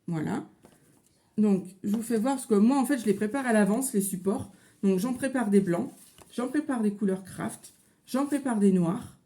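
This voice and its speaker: A woman's voice: on the high side, warm tone. A woman in her thirties with a French accent, chatting casually in a craft tutorial from her home office, with many fillers. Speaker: crafting vlogger.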